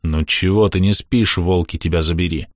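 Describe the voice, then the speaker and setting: A man playing a burly peasant father who is gruff but mild and tired. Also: sits low, steady tone, moderate pace, no echo, clean studio sound, natural voice.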